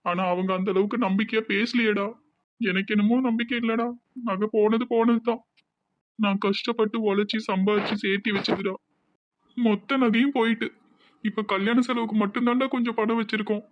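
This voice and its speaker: A man's voice: high-pitched, fairly even intonation, brisk, no echo, muffled recording, close to an everyday voice. A man voicing a distraught young village man with a Tirunelveli accent, talking in an anxious, pleading, tearful way in a cartoon. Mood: despairing. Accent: Tirunelveli Tamil.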